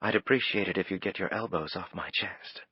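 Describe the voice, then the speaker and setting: A man voicing a calm, blunt young woman who speaks softly with a reproachful edge. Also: sits low, a little fast, breathy edge, no room sound, dull audio. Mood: quiet, firm.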